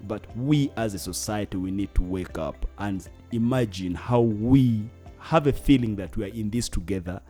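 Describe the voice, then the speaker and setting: Speaking at a normal speed with hardly any pauses, a fairly low, warm male voice answers questions as an interview guest over soft background music. He's an earnest climate activist from northern Uganda whose Ugandan English accent comes through as he often gropes for words.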